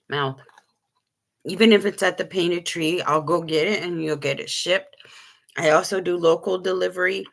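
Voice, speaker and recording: Gravelly low-voiced woman chatting on a live stream. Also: fairly bright tone. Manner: rambling, many ums, shows items to camera. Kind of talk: casual live-stream chat.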